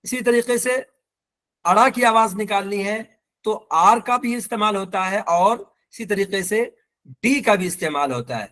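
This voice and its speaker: A man with a Pakistani accent gives an online language lesson in a fairly high, light voice. He is patient and walks through each example slowly, saying it twice. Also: fairly bright tone. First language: Urdu. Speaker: teacher.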